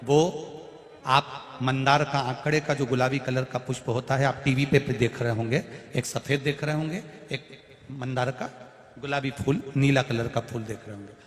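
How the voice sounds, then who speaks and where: A man preaching a devotional scripture sermon to a large gathering, dramatic and emphatic, with sudden swings in loudness. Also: medium pitch, fairly even intonation, normal speed. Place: large hall before a crowd. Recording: echoey hall with long reverb.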